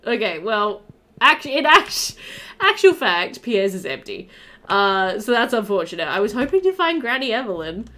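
A young adult woman hosts a gaming video, giving casual, chatty let's play commentary over game music. Her mid-range voice is very animated and sharp in tone at a moderate pace, and she reads game dialogue aloud playfully.

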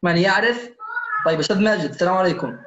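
A man teaches Quran recitation in an online class, his voice sitting high. He is patient, addresses the students as dear ones and stretches out the examples he demonstrates. The sound is muffled and roomy, like a lo-fi call. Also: lively intonation, fairly bright tone. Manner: models recitation examples slowly. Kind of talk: online tajweed lesson.

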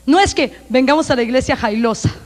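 A woman's voice: high voice, brisk. A woman pastor with a Honduran accent, preaching a sermon emphatically to a congregation. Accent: Honduran Spanish. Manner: emphatic, preaching loudly with acted-out quotes. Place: church sanctuary. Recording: long reverb of a church hall.

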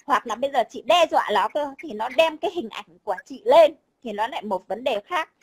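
A woman's voice: sits high, expressive, fairly quick, breathy edge, rough recording. A woman, talking bluntly and combatively in casual chat, swearing freely. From Vietnam. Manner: blunt, combative, swears, keeps repeating a tag word. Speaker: overseas Vietnamese guest.

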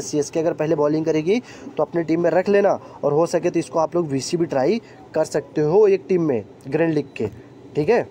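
A man with a slightly raised, mellow voice talks through a screen recording in a friendly, chatty way. He keeps checking in with the listener as he goes. A faint hiss sits under the voice-over. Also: on the high side. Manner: chatty, repeats "theek hai", calls viewers "bhai". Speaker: fantasy cricket tipster. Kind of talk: casual screen-recorded tips.

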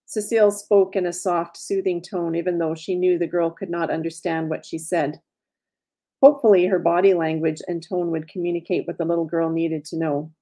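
Warm-voiced woman reading her story. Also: fairly low pitch, fairly even intonation, normal speed. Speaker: author.

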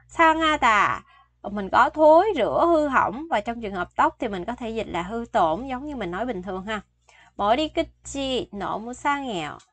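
A woman's voice: a little high, no room sound. A Vietnamese-speaking woman teaching Korean phrases, explaining each word patiently and repeating the sentences. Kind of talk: bilingual vocabulary lesson.

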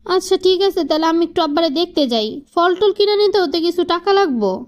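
In cartoon family drama dialogue, a woman voices a frustrated young wife in a very high-pitched, brisk, lively way. She pleads plaintively and earnestly, complaining with emphasis, then turns defiant about her independence.

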